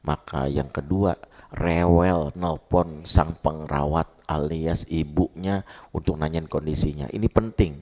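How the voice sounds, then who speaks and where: A man's voice: rumbling low, unhurried, a little mellow. A male preacher, giving a sermon in a casual, storytelling manner with everyday slang. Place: mosque.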